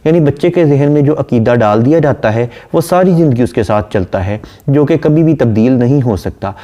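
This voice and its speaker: A man, lecturing on a poem and explaining it line by line, reading the verse slowly. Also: medium pitch, animated, warm tone. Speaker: literature lecturer.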